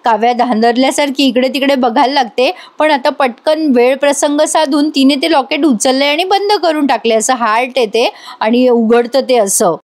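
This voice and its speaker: A woman narrates a voice-over recap of a TV serial in a chatty way, talking straight to her viewers. Her voice is high. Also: normal speed. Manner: chatty, addresses viewers directly. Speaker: TV serial reviewer.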